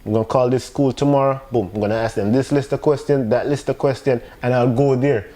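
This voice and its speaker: A man's voice: mid-range voice, fairly even intonation, brisk, dark tone. A man from Jamaica with a Jamaican English accent, speaking as a podcast guest and telling personal stories casually, repeating phrases for emphasis.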